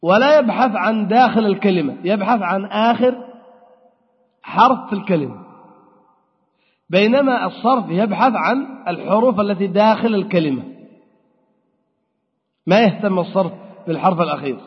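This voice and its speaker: Speaking at a moderate pace with long pauses, a man with a high, expressive, breathy voice explains Arabic grammar step by step. He asks questions and answers them himself during the lecture. The sound is dull, with a long echo from the hall.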